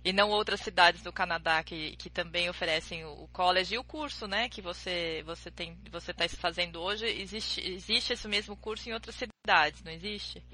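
A woman's voice: on the low side, normal speed, few pauses, bright, forceful tone, slight background noise. A woman hosting a podcast interview, asking long, rambling, friendly questions full of restarts. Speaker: podcast host, exchange agency consultant. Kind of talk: casual interview chat.

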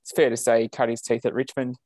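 A man's voice: mid-range voice, little pitch movement, quick pace, a little mellow, no room sound. An Australian man co-hosting a podcast over a video call, chatting casually with lots of ums and uhs. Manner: easygoing, many ums and uhs, chuckles. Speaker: podcast co-host. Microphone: video call setup.

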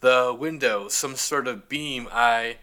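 A man voicing an alien cat crew member who reports over a sci-fi communicator in terse, clipped phrases that slow and trail off, read aloud from a comic strip in a casual podcast. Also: medium pitch, pushed and bright. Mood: dazed.

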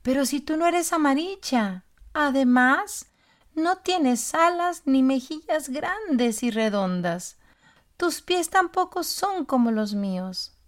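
A woman's voice: high voice, expressive, takes it slowly, pitched above the performer's own voice. A woman voicing a lonely little male bird chick in a children's story, asking plaintive questions. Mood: doubtful.

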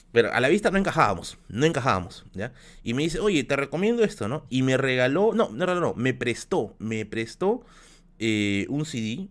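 A man tells stories to his live-stream chat. He rambles, restarts his sentences and keeps checking in with his viewers. He is getting over a bad flu. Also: lowish voice. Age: 30s. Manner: rambling, many restarts and filler "¿ya?". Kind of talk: casual storytelling on a live stream.

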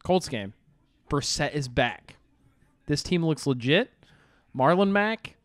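A man's voice: fairly high pitch, lively intonation, slow, dry recording. A man hosting a casual sports podcast, upbeat, steering the talk between topics. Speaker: podcast host.

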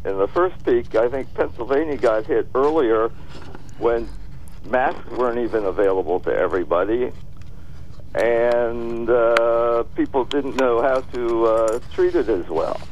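A man calling into a radio talk show, speaking casually in a halting, hesitant way. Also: medium pitch, darkish tone. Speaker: caller. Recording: muffled phone call with vehicle noise.

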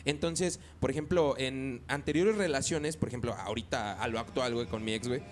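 A man from northern Mexico, host of a casual podcast chat, who talks loudly and peppers every phrase with crude slang. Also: medium pitch, a little fast, faint music behind. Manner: crude slang-heavy, says güey constantly; talks loud by habit.

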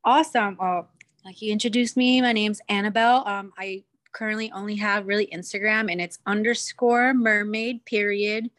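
A woman's voice: mid-range voice, fairly even intonation, moderate pace, a bit bright. Young woman from cuba chatting on a podcast, bubbly, rambly, lots of fillers. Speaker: podcast guest. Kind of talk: casual chat.

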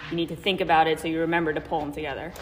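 A woman's voice: fairly even intonation, very fast, faint music behind. A woman fitness coach hosting a casual podcast recorded in a gym. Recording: echoing gym, long reverb, faint rumbling noise.

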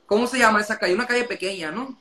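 A man's voice: sits high, rapid-fire, crowd noise. A man explaining his views in casual conversation, talkative and often breaking off mid-sentence. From Mexico.

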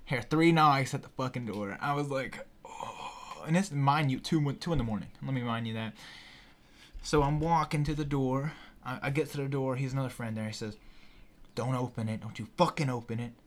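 A man's voice: medium pitch, a little fast. A young man, a podcast guest, telling a story in casual chat, swearing freely and acting out the people in it. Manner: animated, profane, acts out voices in his story.

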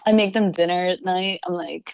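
A woman's voice: on the low side, steady tone, normal speed, vocal fry, low-quality recording. A woman in her twenties from Ukraine, a native Russian speaker, chatting casually as she answers questions. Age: 20s. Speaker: interviewee, student. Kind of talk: casual chat.

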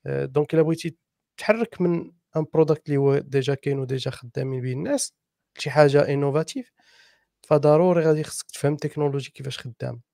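Moroccan-accented man, gravelly edge, fast explanatory talk, close dry sound. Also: on the high side, dark tone, no echo. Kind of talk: casual panel discussion, giving advice.

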